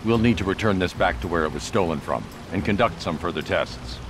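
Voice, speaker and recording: Deep stern cartoon vigilante, clipped orders, dead serious, music behind. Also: male voice, lively intonation, brisk. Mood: commanding. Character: stern, terse adult male masked vigilante hero. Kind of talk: animated video game acting.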